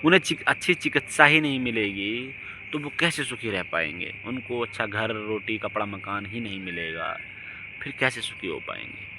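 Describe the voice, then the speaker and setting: A man giving an impassioned, preachy monologue, his voice swinging from emphatic outbursts down to low, quiet lines. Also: expressive, moderate pace, noisy background. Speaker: religious speaker.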